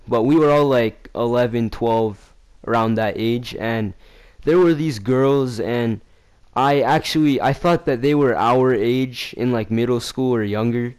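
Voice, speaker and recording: A young man in a casual vlog telling a story in slangy, profane, rambling talk. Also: clear, resonant tone. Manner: acts out quoted lines in a louder, higher voice. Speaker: vlogger.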